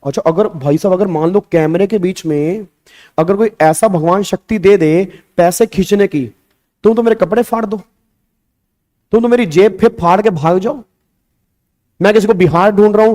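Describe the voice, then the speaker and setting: Man, Indian accent, high voice, playful teasing tax lecturer, online class. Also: darkish tone. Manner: playful, teasing, asks students questions. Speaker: tax law teacher.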